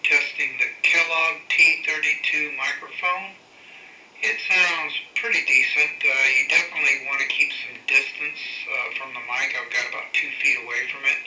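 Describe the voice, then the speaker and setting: Man, gritty early carbon mic, very sharp thin tone, echoey room from a distance. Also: a little high, steady tone, moderate pace. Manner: plain, matter-of-fact counting and commentary. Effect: gritty, tinny sound of a restored early carbon microphone. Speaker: hobbyist restoring old microphones. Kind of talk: casual microphone test count-off. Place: workshop room with a mixer board.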